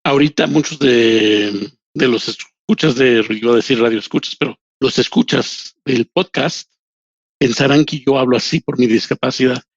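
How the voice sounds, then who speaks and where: With slow, deliberate speech and frequent restarts, a man who works as a human rights lawyer and professor, and whose native tongue is not Spanish, responds to interview questions. His voice is mid-range, and the audio is dull with no room sound.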